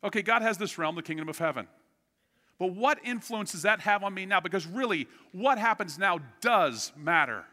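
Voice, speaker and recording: A middle-aged man preaching a sermon as pastor, telling stories with animated swings from loud outbursts to hushed, quiet lines. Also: high-pitched. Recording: long hall reverb.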